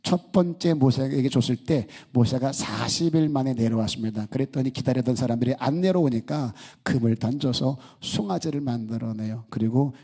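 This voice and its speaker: A male pastor delivers a Sunday sermon in a mellow, slightly husky voice. He keeps it conversational, pausing to put rhetorical questions to the congregation. His pitch sits in an ordinary middle range. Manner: acts out quoted speech in the story.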